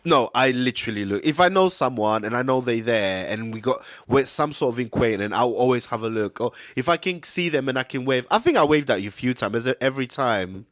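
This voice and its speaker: A man speaking as a co-hosts a drag podcast, telling stories with sass. His pitch swings widely as he talks. The recording is dry and close. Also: brisk, hardly any pauses, no echo. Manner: lively, sassy, storytelling. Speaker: drag co-host and barber. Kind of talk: casual chat.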